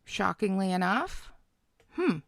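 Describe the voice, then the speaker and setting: Here a livestream host comments along on a clip, chatting reactively and casually with viewers. Her medium-pitched voice is gravelly and very animated but slow-paced, captured in clean studio sound without any room sound.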